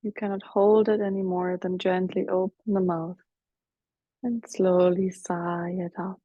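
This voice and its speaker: A woman leading a guided breathing meditation as a teacher, speaking softly and soothingly, with some cues half whispered. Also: lowish voice, level tone, no echo, lo-fi sound. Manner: soft, slow, soothing guidance with whispered cues.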